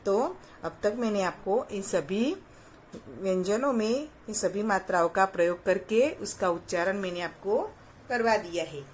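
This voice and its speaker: Slow, patient woman teaching children. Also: mid-range voice, slight background noise. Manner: sounds out each syllable slowly and clearly, asking the children questions. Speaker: primary school teacher. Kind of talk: slow, patient Hindi phonics lesson for young children.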